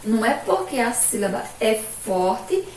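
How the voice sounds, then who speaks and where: A woman's voice: a little high, big pitch swings, recorded from a distance, slight background noise. Cheerful teacher woman, echoey room. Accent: Brazilian Portuguese. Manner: cheerful, sing-song questions to pupils, slow stressed syllables. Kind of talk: remote video lesson for children.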